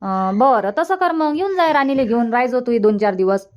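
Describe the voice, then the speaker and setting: Speaking with a rural Vidarbha Marathi accent, a woman gives colloquial, insistent voice to an older village mother in a cartoon comedy, fond and gently nagging. Her slightly high voice is expressive and natural at a normal pace, with the highs cut off.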